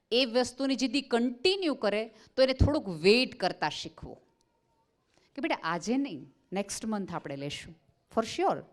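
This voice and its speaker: A woman speaking at a parenting seminar, talking earnestly to parents and slipping into quoted voices as she tells stories. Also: medium pitch. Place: school seminar hall.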